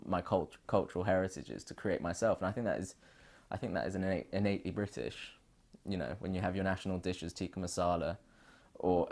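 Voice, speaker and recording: A British man speaking earnestly and reflectively in an oral history interview, thinking aloud with frequent restarts. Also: sits low. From United Kingdom.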